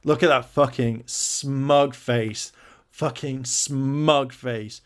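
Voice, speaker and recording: A man's voice: mid-range voice, fairly even intonation, very slow, clear, resonant tone. Sweary, outraged man ranting. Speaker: reaction video host. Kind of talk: reading an article aloud and ranting.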